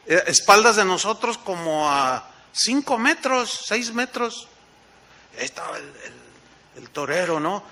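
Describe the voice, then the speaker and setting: A man preaching a sermon with a Mexican accent, telling a lively personal story and often checking in with his listeners through questions. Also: sits high. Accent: Mexican Spanish. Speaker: pastor.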